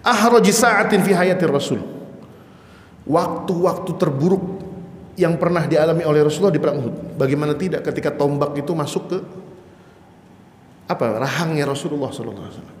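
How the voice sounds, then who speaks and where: A male preacher giving an Islamic study lecture, telling the story with animation and acting out shouted quotes. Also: on the high side, fast talker, slight background noise. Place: mosque hall. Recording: echoey mosque hall.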